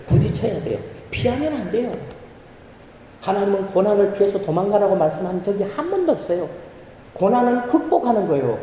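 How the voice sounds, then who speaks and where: A male pastor preaches in a high, very dark and mellow voice, asking the congregation questions and acting out prayers. He is heard from far off in a church hall with long, heavy reverb. A faint room hum sits behind him. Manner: preaching with emphatic rises, rhetorical questions and acted prayers. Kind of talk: sermon. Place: church sanctuary.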